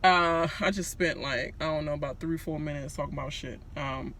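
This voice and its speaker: A man's voice: fairly high pitch, fairly quick, pushed and bright, a little hiss or hum. A man with a Washington, D.C. accent gives a casual, gossipy recap with sassy, slangy, profane commentary. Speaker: reality show recapper.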